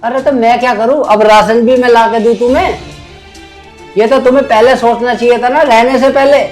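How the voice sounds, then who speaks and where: An actor playing a pushy, lecherous landlord who loudly demands his overdue rent. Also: steady tone, normal speed, faint music behind. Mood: bullying. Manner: loud, bullying, later sly and low. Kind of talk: low-budget comedy film acting.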